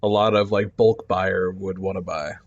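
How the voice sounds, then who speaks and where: A man with a low voice narrates a tabletop game as its game master. He describes the scene casually and loosely, with plenty of ums and likes. The recording is dull and lo-fi. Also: steady tone, moderate pace.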